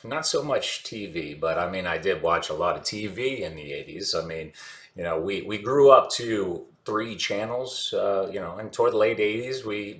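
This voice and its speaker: This channel host, a man in his forties, has a lowish, slightly bright voice and talks in a loose, rambling way full of fillers and false starts. His casual vlog is recorded in an echoey room where faint background music can be heard.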